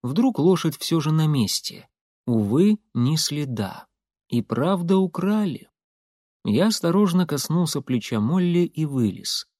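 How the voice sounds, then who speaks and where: A man narrating an audiobook in the first person, telling the story in a lively, expressive way. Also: a little high, a little slow, dry recording. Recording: dry close studio sound.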